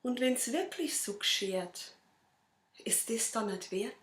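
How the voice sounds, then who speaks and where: A woman with a Bavarian accent, a cabaret performer reciting a dialect poem in a measured, rhythmic way. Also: fairly high pitch, lively intonation, fairly bright tone, roomy sound. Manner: measured, rhythmic verse delivery.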